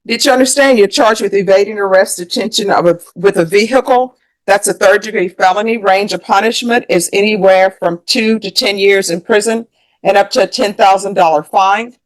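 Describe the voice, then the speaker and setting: An American woman with a medium-pitched voice speaks at a moderate pace, presiding as judge over a plea hearing. She asks formal, methodical procedural questions, and the recording quality is rough.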